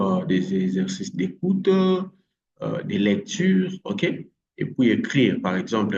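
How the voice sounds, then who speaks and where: A man giving a language lesson, slowly drilling words over and over, with frequent hesitations. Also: fairly low pitch, darkish tone, recorded from a distance, dull audio. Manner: slow, drilling words with repetition and many fillers. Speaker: English teacher.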